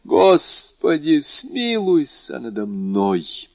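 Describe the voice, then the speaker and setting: A man's voice: lowish voice, fairly even intonation, measured pace, gravelly, a little mellow, slightly rough, no echo, heavily acted. A man voicing a dying old servant, pleading cries. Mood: anguished. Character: old male servant, poisoned, dying in agony. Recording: dull dry lo-fi recording.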